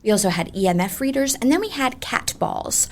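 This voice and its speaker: A woman ghost tour guide chatting in an animated, emphatic way as she tells ghost stories in an interview. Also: a little high, fairly quick. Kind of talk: conversational ghost storytelling.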